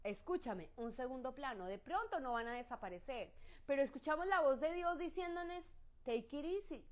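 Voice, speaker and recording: A woman teaches a church Bible study in a soft, high voice, a little fast. Lively and expressive, her pitch swoops up and down. She frequently slips in English exclamations.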